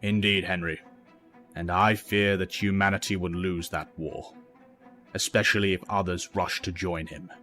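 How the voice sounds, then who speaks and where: An actor playing a calm, grave older professor mentoring young people, measured and authoritative, in an audio drama. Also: male voice, low-pitched, faint music behind.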